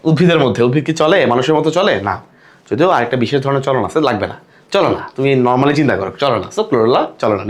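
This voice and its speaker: A young man tutoring biology for exams, asking questions and repeating the answers to drill them. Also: medium pitch. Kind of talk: exam-prep lecture.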